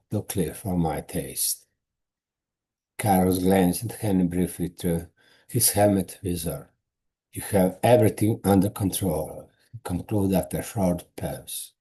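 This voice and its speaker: Croatian-accented male author, non-native, reads own book slowly, low husky voice. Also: mellow. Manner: slow careful non-native reading with restarts. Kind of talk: reading his own novel aloud.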